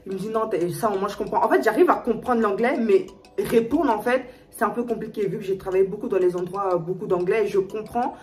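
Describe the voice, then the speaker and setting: A woman's voice: mid-range voice, brisk, darkish tone, recorded from a distance, faint music behind. A young woman vlogging a personal story to her viewers, talking emotionally and repeating herself with lots of fillers and restarts. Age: young adult. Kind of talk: storytime vlog, casual chat to viewers.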